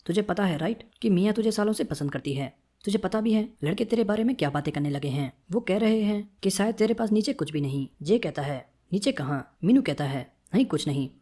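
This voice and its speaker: A woman tells a comic story from start to finish in a mellow, warm voice. She reads the narration and the characters' lines in the same steady tone, without changing voice for each one. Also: on the low side. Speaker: storyteller recapping a comic series. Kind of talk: scripted narration.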